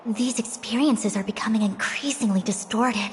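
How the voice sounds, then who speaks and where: A woman's voice: a little high, moderate pace, slight background noise, lightly acted. A woman voicing a composed, watchful young woman seer with formal speech in a video game. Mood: calm, watchful. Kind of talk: English video game voice acting. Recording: long reverb, music behind.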